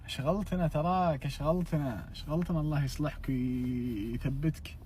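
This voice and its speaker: A man's voice: a little high, fairly quick, mellow, a little hiss or hum. A man teases a rival fan in casual football banter. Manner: teasing, mocking.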